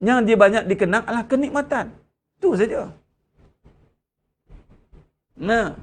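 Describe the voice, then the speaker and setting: High-voiced Malaysian man preaching. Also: measured pace, breathy edge. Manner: conversational preaching with rhetorical questions. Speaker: religious teacher. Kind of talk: Ramadan religious lecture.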